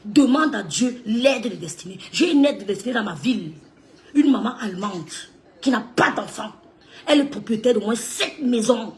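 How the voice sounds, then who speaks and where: A woman's voice: a little high, expressive, normal speed. A woman ranting on a live stream, scolding someone, repeating herself and laughing mid-sentence. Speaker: social media live streamer. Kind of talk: heated live-stream rant.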